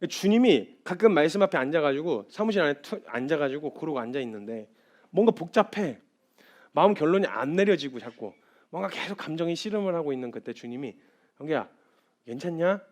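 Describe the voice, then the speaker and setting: A young man preaching a sermon as a missionary, swinging from soft, confiding lines to loud, impassioned outbursts and acting out quoted speech in a gentle hush. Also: fairly high pitch, lively intonation, brisk. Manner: acts out quoted dialogue in a gentle hushed voice.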